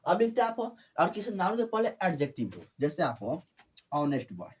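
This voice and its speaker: Animated man teaching grammar. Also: on the high side, fairly quick. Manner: repetitive, addresses viewers as friends. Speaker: English tutor. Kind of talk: classroom grammar lesson.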